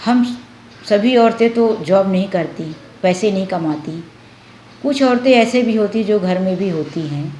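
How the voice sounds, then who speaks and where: A woman's voice: mid-range voice, lively intonation, measured pace, mellow. A woman vlogger giving marriage advice, lecturing viewers directly and acting out family quarrels. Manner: preachy, addresses viewers directly as sisters and friends. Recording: echoey room with faint background noise.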